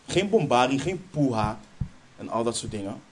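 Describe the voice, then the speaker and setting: A man's voice: mid-range voice, animated, normal speed, slightly rough. A man preaching a sermon in Dutch churches' style, stressing key lines emphatically, then leading a prayer.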